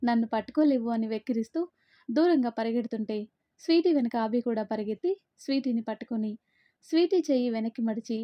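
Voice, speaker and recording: Woman storyteller, fairly high voice, dry close sound, slightly dull and muffled. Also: a little fast, no echo. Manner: lively, voices the lovers' banter herself. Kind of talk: dramatic story reading.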